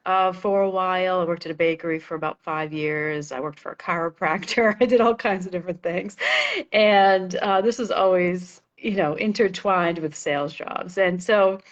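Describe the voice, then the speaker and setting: A middle-aged woman from Massachusetts speaks in a fairly low voice, chatting eagerly as a guest in a live interview. She laughs easily and trips over restarts and fillers. The video call audio sounds dull and lo-fi. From Massachusetts, USA. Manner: enthusiastic, laughs often, many fillers and restarts. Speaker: guest, marketing agency owner.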